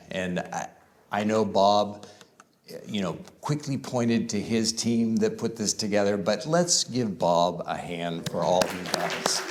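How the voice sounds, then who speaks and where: Conference speaker, male, lowish voice, slow and deliberate, conversational with stretched-out emphasis. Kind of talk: conference talk to pastors. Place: conference room with live audience.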